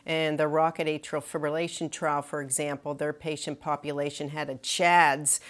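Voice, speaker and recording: Low-voiced woman clinician explaining guidelines. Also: little pitch movement, moderate pace. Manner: earnest, explanatory, frequent fillers. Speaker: clinician panelist. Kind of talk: medical panel discussion.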